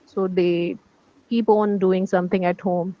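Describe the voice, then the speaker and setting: A woman's voice: medium pitch, flat delivery, a little slow, dull audio. A woman school teacher from India with an Indian English accent, a native Hindi speaker, talking in a casual, hesitant way with many fillers. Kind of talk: casual conversation.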